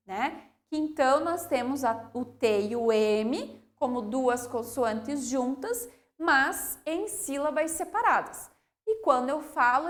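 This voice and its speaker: A female primary school teacher with a Brazilian accent, explaining a lesson clearly and sounding out words slowly, often checking in with "ok?" and "né?". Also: high voice. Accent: Brazilian Portuguese. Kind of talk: slow, clear classroom explanation.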